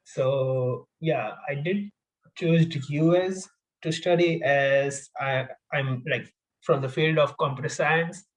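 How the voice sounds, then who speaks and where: A young man from India speaks as a podcast guest, answering in a relaxed, halting way. His voice sits slightly high for a man, and he fills pauses with uhs and restarts. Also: rough recording. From India, Gujarat. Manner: hesitant, many fillers and restarts, laughs while talking. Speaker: podcast guest, software engineer. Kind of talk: casual interview answers.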